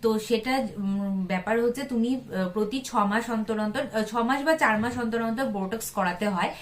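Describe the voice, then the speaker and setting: Fairly high-pitched and brisk, this young woman with a West Bengali accent chats through a casual daily vlog, sprinkling in English words as she speaks familiarly to viewers. There's a slight hiss or hum in the background.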